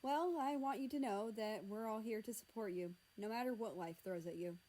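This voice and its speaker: A woman's voice: mid-range voice, moderate pace, warm tone, close to an everyday voice, rough recording. Woman doing a polite British dad. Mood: kind. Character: older British father, calm and polite.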